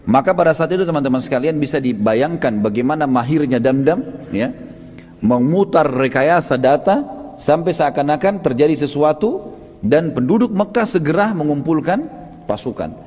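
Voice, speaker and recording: A man preacher telling a religious story as a vivid storyteller, often rising into loud exclamations and addressing listeners as friends. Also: fairly high pitch, expressive, moderate pace, in a large hall. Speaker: Islamic preacher.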